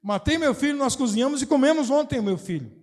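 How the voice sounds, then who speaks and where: A starving ancient mother pleads her case urgently before the king, as a male preacher retells her words. The voice is pitched well above his own and raised. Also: expressive, fast talker, in a large hall. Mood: urgent, pleading.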